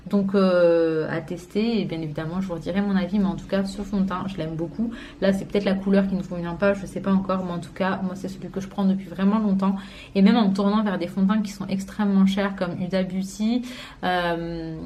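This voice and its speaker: A woman in her twenties from France, chatting casually at home about a beauty haul, relaxed and full of hesitations and slang. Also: mid-range voice, slight background noise. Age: 20s. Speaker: family vlogger. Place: home, indoors.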